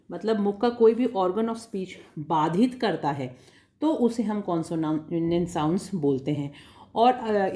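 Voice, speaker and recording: A woman teacher patiently explaining a phonetics lesson, repeating points and sounding out single sounds slowly. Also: mid-range voice, dark tone. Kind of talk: exam-prep phonetics lesson.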